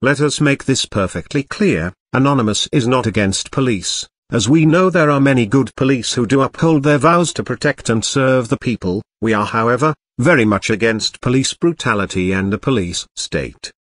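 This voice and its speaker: A man's voice: mid-range voice, expressive. A man with an electronically disguised voice reading a stern, accusing scripted statement as an anonymous spokesman. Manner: stern, accusing, measured delivery. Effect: disguised voice, electronically altered.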